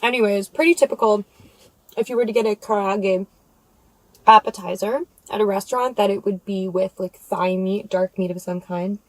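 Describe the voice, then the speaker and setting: A woman's voice: mid-range voice, steady tone, normal speed, dry recording, poor audio. American girl doing a mukbang, chatty food review between crunchy bites of fried chicken, dry close sound. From United States. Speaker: food vlogger, mukbang host. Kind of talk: casual food review chat while eating.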